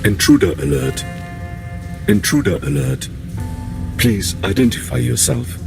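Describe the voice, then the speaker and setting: An actor playing a calm male station guardian computer that speaks in flat, formal, repetitive machine announcements for a video game. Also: fairly low pitch, measured pace, gravelly, exaggerated voice. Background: game music.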